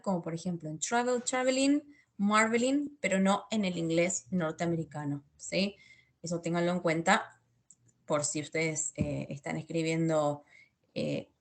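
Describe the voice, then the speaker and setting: A woman teaching an online English class, explaining step by step and often checking in with a questioning "sí?". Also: medium pitch. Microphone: computer mic in an online class.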